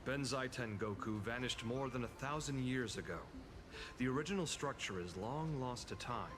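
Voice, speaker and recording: A man voicing a composed, courteous guide in a video game, explaining lore in a measured, formal way. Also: mid-range voice, music in the background, natural voice. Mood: solemn, explanatory.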